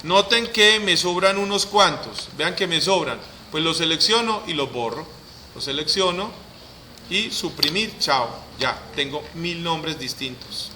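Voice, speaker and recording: A man teaching a software lesson, repeating each step aloud as he works. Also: a little high, lively intonation, a little slow, a little hiss or hum, low-quality recording. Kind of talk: screen-recorded software lesson.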